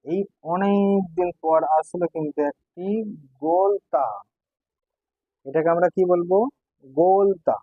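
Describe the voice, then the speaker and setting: A man's voice: sits high, slow, pauses often, dry recording. A man teaching Quran reading, patiently spelling out syllables and repeating each word several times. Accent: Bangladeshi Bengali. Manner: patient, syllable-by-syllable drilling with repetitions. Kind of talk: spelling and recitation lesson. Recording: dull, lo-fi sound.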